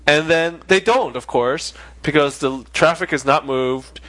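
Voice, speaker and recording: A man co-hosting a casual late-night podcast chat, rambling through stories with halting restarts. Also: fairly high pitch, fairly bright tone, dry recording. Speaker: podcast co-host.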